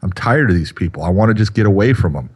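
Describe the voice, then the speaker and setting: Rambling low-voiced man in his fifties. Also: animated, fast, breathy edge. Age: 50s. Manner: rambling, many fillers. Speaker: podcast co-host. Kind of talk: casual chat.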